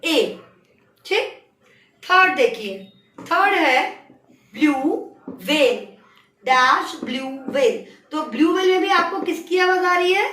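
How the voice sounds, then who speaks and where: A woman's voice: very high voice, expressive, takes it slowly, pauses often, pushed and bright. A woman school teacher giving a grammar lesson to children, patiently repeating her questions and coaxing answers from them. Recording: echoey room, voice from a distance.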